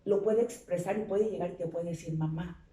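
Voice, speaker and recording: Female psychologist guest, earnest and explanatory, low mellow tone, miked from a distance in an echoey room. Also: fairly even intonation, fairly quick. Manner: earnest, explanatory, asks rhetorical questions. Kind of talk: interview on a talk show. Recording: roomy sound from a distance.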